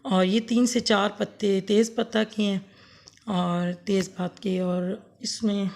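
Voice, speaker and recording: Hoarse woman casually explaining a recipe. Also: medium pitch, level tone, slow, darkish tone. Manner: homely, rambling, self-correcting explanations. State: hoarse with a sore throat. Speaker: cooking vlogger. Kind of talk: casual cooking demonstration. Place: home kitchen, later outdoors under a fan.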